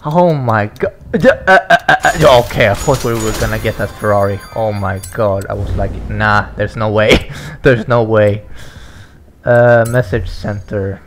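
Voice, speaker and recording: A young man hosting a racing game let's-play, excitable and stammering, laughing and swearing as he reacts. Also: fairly low pitch, normal speed, a little hiss or hum. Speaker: gaming channel host.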